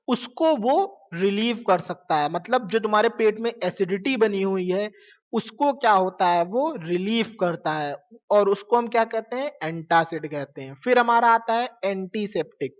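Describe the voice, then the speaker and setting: A male teacher explains science in a casual, conversational lecture. He keeps asking questions and answering them himself, repeating key terms. The recording sounds dull and lo-fi, and the voice trails off into a long echo. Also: high-pitched. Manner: casual, mixes English terms into Hindi. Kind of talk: classroom lecture. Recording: lo-fi with long reverb.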